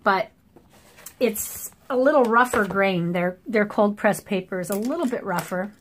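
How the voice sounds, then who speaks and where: A middle-aged woman at her art table, keeping up an easy, chatty commentary as she paints. Her voice sits at an ordinary middle pitch and is caught by a camera mic above the table. She talks things through as she goes, in plain everyday speech. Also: measured pace, slight background noise. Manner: relaxed, chatty running commentary. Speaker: watercolor artist. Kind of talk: thinking aloud while painting.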